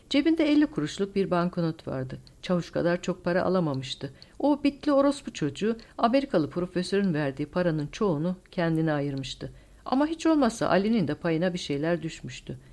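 Low, expressive woman narrating. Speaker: audiobook narrator. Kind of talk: scripted narration.

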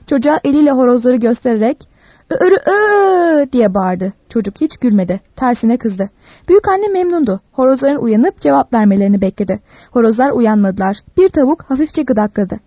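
A woman narrating a story in a calm, measured reading. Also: fairly high pitch, slightly rough, no room sound.

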